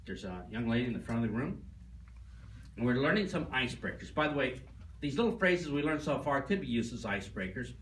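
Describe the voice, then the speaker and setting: A male sales trainer giving a live seminar lecture in an animated way, quizzing the audience and telling stories. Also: mid-range voice, a little fast. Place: seminar room. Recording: roomy and distant with faint noise.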